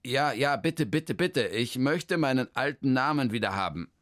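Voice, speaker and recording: A man's voice: mid-range voice, expressive, moderate pace, a bit bright, no room sound, clean studio sound, pitched above the performer's own voice, close to an everyday voice. A man voicing a flustered, stammering male concert pianist in a children's story. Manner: hesitant, stammering.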